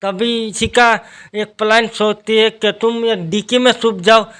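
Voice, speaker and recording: A man's voice: high-pitched, fairly even intonation, measured pace, fairly bright tone, clean tone. A man casually retelling a TV serial's plot, rambling along and chaining events one after another. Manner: rambling, strings events together with "then". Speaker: TV serial recap narrator. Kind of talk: casual spoken plot recap.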